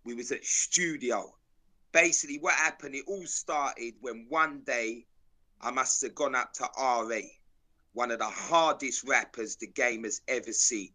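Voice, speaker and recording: Bright, forceful South London man. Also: mid-range voice, unhurried, low-quality recording. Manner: emphatic, declarative, repetitive. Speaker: interview guest, videographer. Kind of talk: street-slang storytelling.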